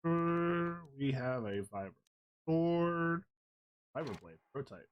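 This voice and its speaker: A man's voice: on the high side, expressive, slow pace, clean tone, lo-fi sound. A male game streamer giving casual commentary, muttering asides and reading on-screen text aloud.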